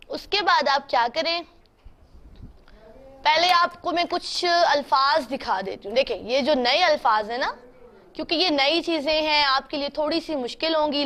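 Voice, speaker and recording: A woman's voice: sits high, pushed and bright. A woman teaching an online handwriting class, patiently spelling out letters one by one and asking her students questions.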